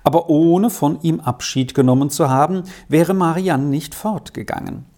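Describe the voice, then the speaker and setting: A narrator reading a classic children's story aloud in a calm, even storytelling manner. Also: medium pitch, moderate pace.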